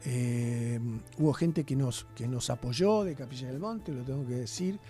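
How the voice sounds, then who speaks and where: A man's voice: mid-range voice, measured pace, mellow, soft background music. A man, a guest in a radio interview, talking passionately and often checking in with his listener. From Argentina. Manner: passionate, talks with rhetorical tags.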